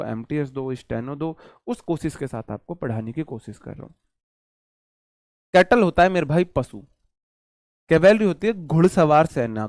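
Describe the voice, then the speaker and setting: A male teacher gives an online exam-prep lesson, his voice a touch higher than most men's. He talks in a chatty, repetitive way, drilling key words and throwing in joking asides. The sound is close and dry, with no room echo. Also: a little mellow.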